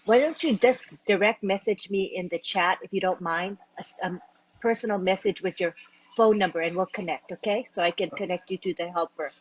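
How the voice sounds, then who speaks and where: A woman's voice: mid-range voice, brisk, breathy edge. A woman speaking up politely in a webinar to arrange help, on a video call. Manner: polite, organizing. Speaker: webinar participant. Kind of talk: casual call talk. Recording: dull lo-fi call audio.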